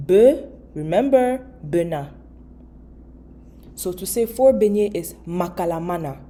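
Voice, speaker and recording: A woman with a low, mellow voice teaches in a casual video lesson. She speaks slowly and patiently, repeating each word and spelling out the rules. A faint hiss sits under the recording. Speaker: language teacher.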